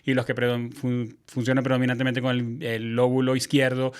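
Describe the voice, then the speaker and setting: A man hosting a podcast interview, quick and chatty, with self-deprecating asides. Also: mid-range voice, completely flat delivery, clean tone. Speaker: podcast host. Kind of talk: casual interview chat.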